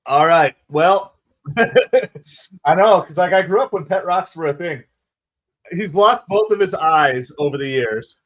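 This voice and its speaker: A man from New Jersey with a Jersey accent, hosting a live fan stream with chatty play-by-play and shout-outs to viewers. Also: on the high side, normal speed. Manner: excitable, chatty, thanks viewers by name. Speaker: livestream host. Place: home streaming setup with green screen.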